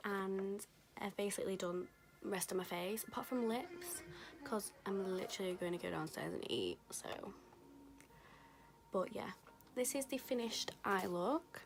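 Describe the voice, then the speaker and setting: A chatty young beauty vlogger rambles through a casual makeup tutorial, full of fillers, her medium-pitched voice going hoarse. Music plays behind her.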